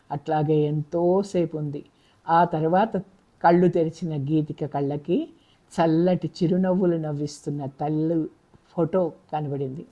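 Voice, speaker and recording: A woman narrating a novel in a steady, measured storytelling manner. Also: deep voice, dull audio. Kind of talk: audiobook novel reading.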